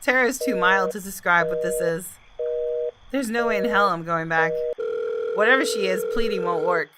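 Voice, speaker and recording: A gaming YouTuber records a let's play, her medium-pitched voice moving at a moderate pace as she reads the game's narration with drama and bursts into jumpy exclamations between lines. The recording is very noisy, with game music playing under her voice.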